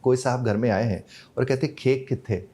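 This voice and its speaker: Mellow-voiced man explaining. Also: medium pitch, fairly even intonation, a little fast. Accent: Pakistani Urdu. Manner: acts out short dialogues to illustrate points. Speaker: life coach and English trainer, guest. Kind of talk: explanatory interview talk.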